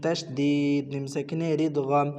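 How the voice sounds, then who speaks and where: Slow, mellow-voiced Quran teacher man. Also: fairly high pitch, little pitch movement, long reverb tail, lo-fi sound, soft background music. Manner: patient, repeats each word before chanting it slowly. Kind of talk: tajweed lesson, spelling out letters and vowel marks.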